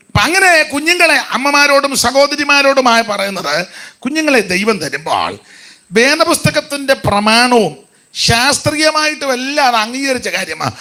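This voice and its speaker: A man preaching a sermon in an animated way, rising to shouts and dropping to soft asides. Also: very high voice.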